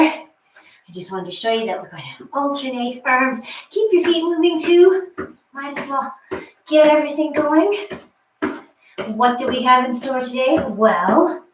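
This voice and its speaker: A woman's voice: high-pitched, a little hiss or hum. Echoey basement fitness instructor, a woman. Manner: chatty, cueing moves between asides. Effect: echoey room sound. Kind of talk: live workout instruction. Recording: echoey basement room, voice far from mic.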